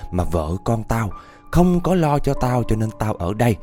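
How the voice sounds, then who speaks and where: A man's voice: medium pitch, sing-song, normal speed, darkish tone, faint music behind, close to an everyday voice. A man voicing a mocking male drunkard ghost who possesses a man, speaking with a taunting, defiant swagger.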